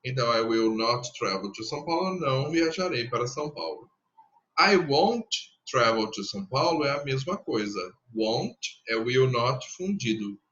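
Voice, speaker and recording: A Brazilian English teacher records a lesson in a bright, forward, medium-pitched voice with big pitch swings and a Brazilian Portuguese accent. He explains patiently step by step, repeating every example slowly. The audio is dull and somewhat lo-fi.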